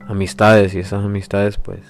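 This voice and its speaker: A Salvadoran man in his twenties introduces himself as a podcast host in a personal monologue, reflective and hesitant with pauses and restarts. His voice is lowish and level, with faint guitar music in the background.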